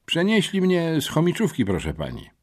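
A man's voice: a little high, wildly swooping pitch, normal speed, darkish tone, pitched above the performer's own voice. A man voicing a polite, earnest new schoolboy in an audiobook. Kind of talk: audiobook character voice.

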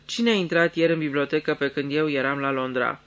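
A man's voice: a little high, fairly even intonation, fairly bright tone, smooth, lightly acted. A man voicing a cold, scheming young lord in a radio theatre reading, icy and commanding, flaring into thundering anger.

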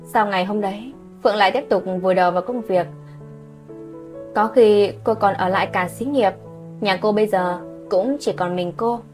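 A woman narrating a scripted late-night story calmly and evenly as the channel's host. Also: mid-range voice, normal speed, faint music behind.

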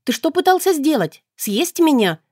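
A woman voicing a brash, impulsive young heroine with high, loud, excitable exclamations. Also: normal speed, no room sound, studio quality. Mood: excited.

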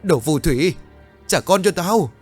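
A man's voice: medium pitch, expressive, moderate pace, husky, soft background music. A man voicing a grieving young mother who wails and pleads, frantic and vengeful. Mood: frantic, wailing. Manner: pleading and wailing.

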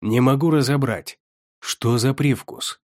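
A man voicing a bossy, hot-tempered male fox demon in an audiobook, gruff and growling. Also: mid-range voice, a little slow, dry recording, studio quality, natural voice. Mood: puzzled.

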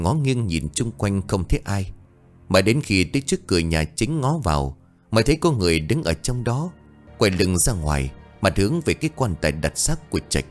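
A man reading a ghost story aloud in a dramatic, measured way. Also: low-pitched. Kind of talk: scripted ghost story narration. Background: faint music.

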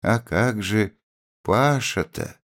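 Man voicing a gentle older mother. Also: on the low side, expressive, takes it slowly, pitched above the performer's own voice, exaggerated voice. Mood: tender. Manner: gentle, warm, sighing.

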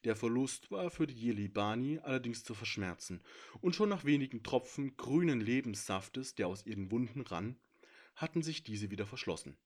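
Casting: male audiobook narrator, measured, lively intonation. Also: mid-range voice. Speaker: author and narrator.

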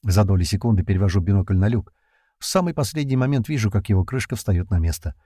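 A man narrating an adventure audiobook in the first person, in a steady storytelling manner. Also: lowish voice, fast talker, no echo, studio quality.

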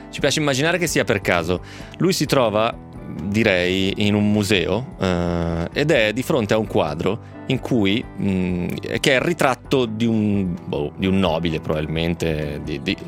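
A male radio host talks off the cuff in a casual live show. His pitch moves around in a lively way as he banters, wanders into asides and pokes fun at himself, with music behind him. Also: moderate pace. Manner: bantering, digressive, self-mocking asides. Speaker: radio host taking listener calls and reading messages.

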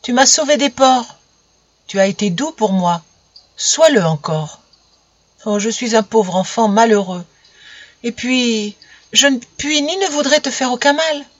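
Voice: medium pitch, unhurried, fairly bright tone, no echo, muffled recording. A reader voicing a frightened ten-year-old peasant boy who pleads in a raised, strained voice, in a storybook reading. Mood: pleading.

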